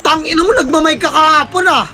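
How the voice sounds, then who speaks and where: A young man with a hoarse, cracking voice shouting quick commands and countdowns to his team during a live game, swearing often. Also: extremely high pitch, faint music behind. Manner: barks rapid commands and countdowns, swears a lot. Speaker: team shot-caller.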